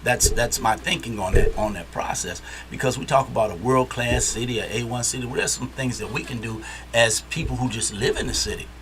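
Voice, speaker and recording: A man's voice: mid-range voice, fairly quick, few pauses, fairly bright tone, slight background noise. A man from Detroit, a guest in a casual interview, who speaks emphatically and repeats phrases for stress. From Detroit, USA.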